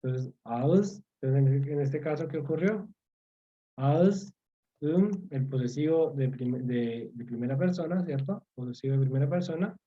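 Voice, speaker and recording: A man's voice: mid-range voice, unhurried, dark tone, muffled recording. A man tutoring a class online, patiently explaining, repeating key words and often checking that students follow. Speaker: language teacher.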